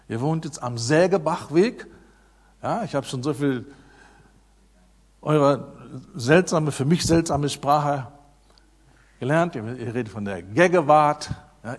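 A man with a notably high voice preaches a sermon, hammering home key phrases by repeating them. He surges loud on his main points, then drops into quiet, low asides. He sounds middle-aged. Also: breathy edge. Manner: emphatic, repeats key phrases, swings between loud and soft.

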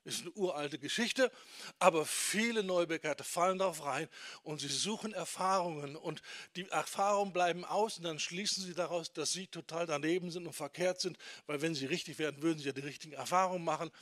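A man preaching a teaching sermon, emphatic, often checking in with listeners with a quick "Ja?". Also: on the high side, fairly bright tone, no room sound, clean studio sound. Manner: emphatic, quotes people in acted asides. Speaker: preacher on discipleship.

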